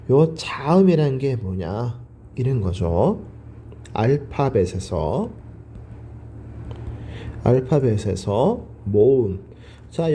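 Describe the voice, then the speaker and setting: A man's voice: mid-range voice, dark tone. A male teacher giving a grammar lecture. He asks his class questions, answers them himself and drills the words by repeating them.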